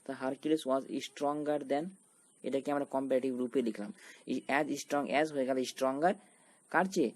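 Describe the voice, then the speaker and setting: A man's voice: medium pitch, moderate pace, dry recording. A male teacher giving a grammar lesson, explaining patiently and posing questions he then answers himself. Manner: explanatory, asks and answers his own questions.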